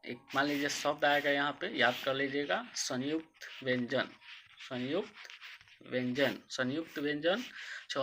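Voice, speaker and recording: A man's voice: mid-range voice, bright, forceful tone, slight background noise. A man teaching a grammar lesson, asking questions and answering them himself in a casual, repetitive way. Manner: casual regional Hindi with words like एगो and गो. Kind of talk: board-exam grammar lesson.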